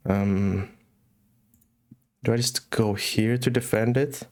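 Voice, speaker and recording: A man's voice: fairly low pitch, steady tone, takes it slowly. Finnish young man chatting over chess. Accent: Finnish, with British and American English mix. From Finland. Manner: chatty, thinks aloud with many fillers and restarts. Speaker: chess streamer. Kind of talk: casual live-stream commentary.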